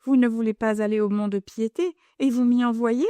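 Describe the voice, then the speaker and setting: A woman's voice: fairly high pitch, steady tone, a little fast, mellow, dry recording, natural voice. A woman voicing a naive, superstitious young girl in an audiobook, with a teasing and earnest manner. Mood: surprised. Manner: teasing then earnestly fearful. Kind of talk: audiobook character voice.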